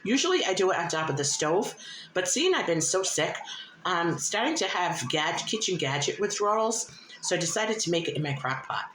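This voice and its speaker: A woman's voice: fairly low pitch, very animated, normal speed, a bit bright. A woman giving a casual home cooking demonstration in a homely, plain-spoken way, a little short of breath as she recovers from illness. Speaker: host of a home cooking vlog. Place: indoors at home, in a kitchen. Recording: roomy echo, clear background noise.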